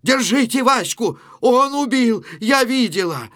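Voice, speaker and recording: A man's voice: very animated, drawn-out words, vocal fry, breathy edge, no echo, clean studio sound, exaggerated voice. A man reading a play aloud, voicing a scheming woman who shrieks orders at the crowd. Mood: shrieking. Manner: shrill, commanding shouts.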